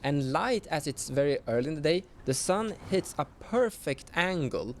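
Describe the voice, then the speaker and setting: A man runs a horror tabletop game as its game master. He narrates slowly and haltingly, correcting himself as he goes, and his pitch rises and falls a great deal. A faint noise sits under his voice. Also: lively intonation.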